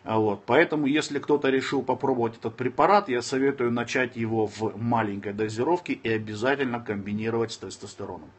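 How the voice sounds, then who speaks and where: Fast and with hardly any pauses, a man from Dagestan in his thirties speaks in a mid-range voice with a breathy edge, taking viewers' questions on a casual phone livestream indoors. Close to the camera, he's blunt and profane, giving calm advice but snapping at trolls.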